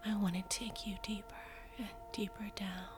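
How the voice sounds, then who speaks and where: A woman's voice: mid-range voice, level tone, moderate pace, background noise. A woman doing a whispered role-play of hypnosis, intimate and seductive, soothing commands breathed as if right into the listener's ear. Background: music with singing bowl tones.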